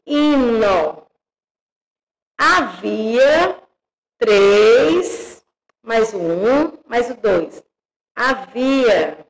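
Brazilian woman, primary teacher, very slow, slightly high voice, syllable by syllable. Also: rough recording. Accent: Brazilian Portuguese. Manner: spells out syllables slowly, checks in with "tá?" and "certo?". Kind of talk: slow, careful teaching to young children.

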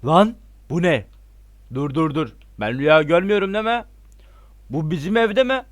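Excitable man narrating his gameplay. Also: a little high, normal speed, dry recording. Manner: excitable, loud exclamations and slangy swearing; talks to viewers as friends, repeats himself. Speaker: gameplay YouTuber. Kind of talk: casual gameplay commentary.

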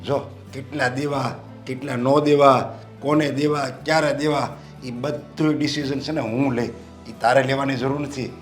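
A man's voice: mid-range voice, steady tone, normal speed, soft background music, natural voice. An actor playing a stubborn older father who guards his property, speaking in a stern, insistent, lecturing way.

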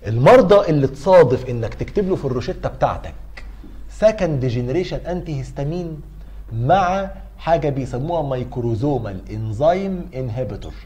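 Speaking fast with lively intonation, this middle-aged man has a mellow, medium-pitched voice and an Egyptian Arabic accent. He's lecturing on pharmacology at a university, drawing his students in by asking questions and then answering them himself.

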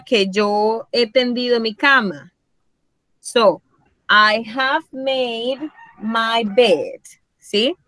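A woman's voice: a little high, bright, forceful tone, no echo. A woman English teacher, giving an online class and patiently checking in with her students. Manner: patient, checks in often with questions.

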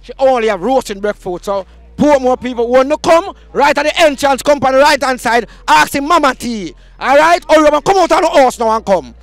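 Jamaican guy hyping up a market vlog, super high voice, keeps chanting his catchphrase. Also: lively intonation, brisk, fairly bright tone, dry recording, soft background music. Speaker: vlog host. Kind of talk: street vlog patter. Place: outdoor market.

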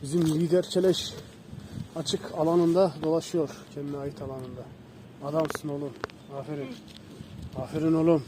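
A man with a high voice films himself by his dogs' pen, calling them over and praising them. He swings between firm shouted commands and soft, fond murmurs. The phone recording picks up plenty of outdoor noise behind him. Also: steady tone, moderate pace, pauses often. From Turkey. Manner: coaxing, affectionate calls to dogs, mixing loud commands with soft praise. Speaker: dog owner vlogger. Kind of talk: casual vlog talking to his dogs. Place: outdoors by a dog enclosure. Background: dogs and outdoor noise.

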